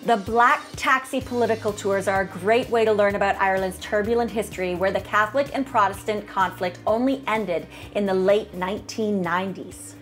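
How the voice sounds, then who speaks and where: A woman's voice: medium pitch, fairly even intonation, fairly quick, hardly any pauses. A middle-aged woman hosting a travel vlog, narrating the sights in an upbeat, descriptive way. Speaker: travel vlogger host. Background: background music.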